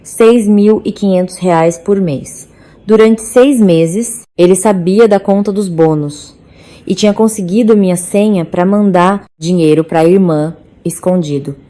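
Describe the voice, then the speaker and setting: A woman calmly narrating a dramatic family story in the first person. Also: fairly low pitch, unhurried.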